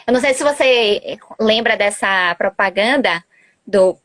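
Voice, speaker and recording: A woman's voice: mid-range voice, a little slow, a bit bright. A woman who grew up in Bahia, a Portuguese and Spanish teacher, chatting casually on a live video call and spelling out sounds as she explains them. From Argentina, grew up in Bahia, Brazil. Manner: explains pronunciation by spelling out sounds, laughs often. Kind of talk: casual chat on an Instagram live. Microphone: phone or computer on a video call.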